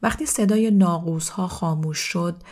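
A woman reads a first-person story aloud in a calm, even way, her voice sitting a little low. She lets dry asides slip in without changing her steady reading pace. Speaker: audiobook narrator.

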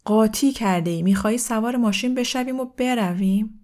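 A sharp-tongued young woman from a storybook talks back in a raised, disbelieving voice, as the woman narrator plays her. She sounds higher and louder than the reader's plain narration, scolding her friend. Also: natural voice. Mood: incredulous.

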